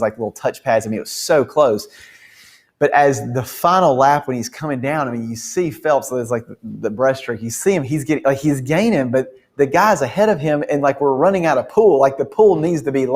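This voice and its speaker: A man with a mid-range voice gives his company a faith-based motivational talk. He tells stories earnestly and animatedly, often restarting his sentences.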